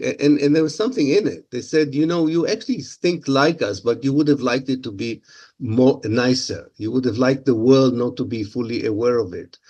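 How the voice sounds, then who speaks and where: This is a man from Israel whose first language is Hebrew, answering interview questions with many filler sounds and restarts. His mid-range voice is mellow and husky.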